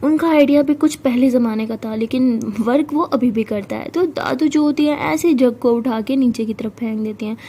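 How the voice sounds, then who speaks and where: A woman's voice: sits high, moderate pace, few pauses, warm tone. A woman telling a love story in a chatty, conversational way, voicing every character herself. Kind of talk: casual spoken storytelling.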